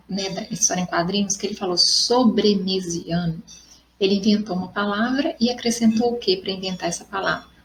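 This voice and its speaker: A woman with a Brazilian Portuguese accent, teaching a recorded lesson. She explains step by step, asks questions and answers them herself, and ends points with short tag questions. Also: mid-range voice. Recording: echoey room, faint ambient noise.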